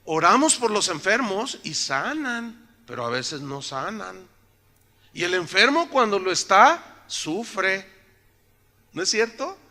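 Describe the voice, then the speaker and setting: A man's voice: sits high, very animated, takes it slowly, pushed and bright. A man preaching a sermon to a church congregation, joking with them and tossing out rhetorical questions. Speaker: pastor.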